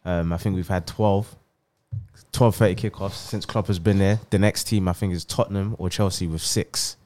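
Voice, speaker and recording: A man's voice: deep voice, fairly even intonation, normal speed, darkish tone. A man, casually discussing football as a podcast co-host.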